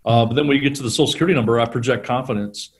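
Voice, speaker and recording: A middle-aged man, a guest on an interview show, telling animated stories about selling and laughing often. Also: medium pitch, racing. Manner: animated storyteller, acts out quotes, laughs often. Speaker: guest, sales trainer. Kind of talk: conversational storytelling interview.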